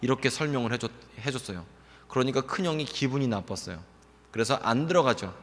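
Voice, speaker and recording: A pastor giving a Sunday sermon, telling a story and acting out the quoted lines of family members, then pressing the congregation with rising, emphatic questions. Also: male voice, mid-range voice, animated, fast, a bit bright. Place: church sanctuary. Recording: long church hall reverb.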